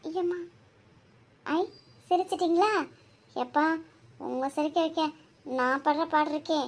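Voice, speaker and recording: A woman's voice: high-pitched, measured pace. A woman voicing a cheeky, chatty young girl in a Tamil cartoon who teases and consoles at length. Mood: teasing. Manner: chatty, teasing, lively.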